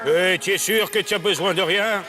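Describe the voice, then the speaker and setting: A man playing a high-pitched, grandiose lamp genie. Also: steady tone, moderate pace, loud music behind the voice, natural voice. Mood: insistent. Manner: grandiose, pleading genie delivery. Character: eager, insistent male genie of a magic lamp, centuries old. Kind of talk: scripted TV comedy sketch.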